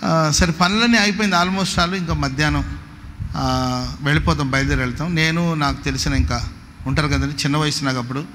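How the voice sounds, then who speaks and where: Higher-voiced male pastor in an echoing hall. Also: fairly even intonation, a little fast, fairly bright tone, slight background noise. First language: Kannada. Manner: emphatic preaching, calls the congregation to respond aloud; storytelling with many repeated phrases. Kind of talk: sermon. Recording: long hall reverb, faint background ambience.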